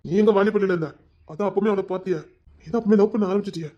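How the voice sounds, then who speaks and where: A man playing a high-voiced, hot-tempered young villager. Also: rapid-fire, dull audio, close to an everyday voice. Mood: ashamed, frantic. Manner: agitated, self-reproaching outbursts. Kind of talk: village drama acting.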